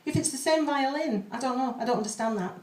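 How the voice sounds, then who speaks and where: A woman's voice: high voice, quick pace, darkish tone, recorded from a distance, slight background noise. Woman open mic poet, nervous rambling intros, self-deprecating, heard slightly off-mic in a roomy space. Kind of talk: chatty, rambling introduction to own poems before an audience. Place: live open mic room. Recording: echoey room, off the mic.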